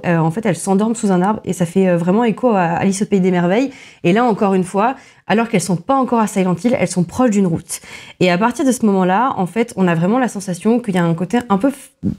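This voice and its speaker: Woman, mellow warm tone, casual film analysis, many fillers. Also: mid-range voice. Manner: many filler pauses, restarts, self-deprecating asides. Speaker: film podcast co-host.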